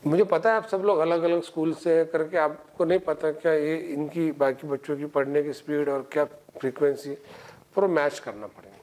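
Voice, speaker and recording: High-voiced man teaching a chemistry class. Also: steady tone, normal speed, darkish tone. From India. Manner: quizzing the class with repeated checks. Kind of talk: classroom lecture. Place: coaching classroom.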